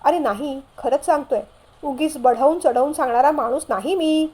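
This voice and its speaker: A woman's voice: high voice, normal speed, a little mellow, natural voice. A woman voicing a cheerful younger brother who teases and reassures in a playful way.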